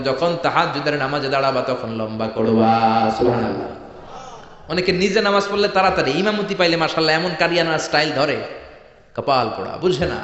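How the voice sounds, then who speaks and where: A man preaching a sermon with a Bangladeshi Bengali accent, rousing the crowd and swinging between loud calls and soft asides. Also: on the high side. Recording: echoey hall, dull sound.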